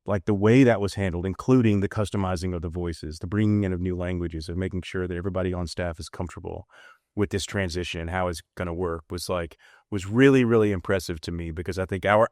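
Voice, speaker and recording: Very deep-voiced earnest male host. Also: no room sound, clean studio sound. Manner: earnest, rambling questions with restarts. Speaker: podcast host. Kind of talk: casual podcast conversation.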